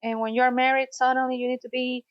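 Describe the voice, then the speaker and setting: A woman's voice: high-pitched, little pitch movement, fast talker, no echo, muffled recording. A woman from Costa Rica, a sex therapist, telling her story in a podcast interview. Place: studio, in person.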